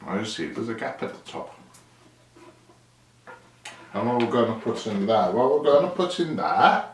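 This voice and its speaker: A man speaking at normal speed in an animated, medium-pitched voice works through a casual hands-on demo for his amateur DIY videos. He thinks out loud, rambling and self-deprecating, recorded on a distant mic with echo and hiss.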